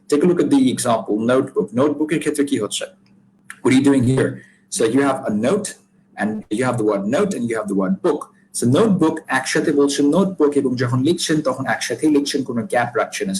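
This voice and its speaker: A man's voice: medium pitch, a little hiss or hum, low-quality recording. A man with a Bangladeshi accent teaching an English grammar lecture, mixing Bengali and English, repeating points and checking with "right?". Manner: switches between Bengali and English mid-sentence; explanatory, repeats points and asks "right?" often. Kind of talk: recorded online grammar lecture.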